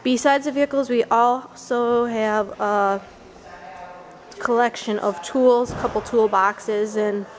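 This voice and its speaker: A woman from Western New York on the auction house staff gives an informal walking tour of a large indoor vehicle warehouse, narrating plainly and correcting herself as she goes. Her fairly high voice is slow and fairly even. It's filmed on a handheld camera mic while walking, and the warehouse audio is noisy.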